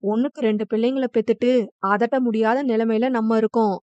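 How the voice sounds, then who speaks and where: Woman voicing a steady middle-aged village father. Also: on the high side, fairly quick, dry recording, lightly acted. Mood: firm. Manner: steady, reasoning tone. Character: father Paramasivam, calm village head. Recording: dull lo-fi dry recording.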